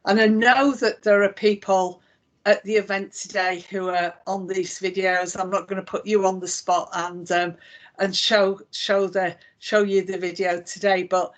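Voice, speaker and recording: In this live software demo, a female chief executive from Northwest England, with a Lancashire accent, talks through a website click by click, chatting casually and saying um often. Her mid-range voice shows little pitch movement, and her delivery is a little slow.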